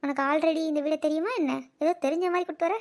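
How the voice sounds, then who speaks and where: A woman's voice: high-pitched, fairly even intonation, fast, a little mellow, natural voice. A woman voicing a teasing, scheming teenage sister in a cartoon, needling her brother with mock threats. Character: teen girl, teasing and scheming younger sister.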